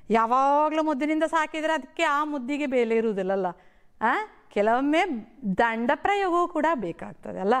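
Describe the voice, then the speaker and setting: A middle-aged woman teaching a primary school lesson on television, asking the children questions and explaining words in a sing-song storytelling way. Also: sits high.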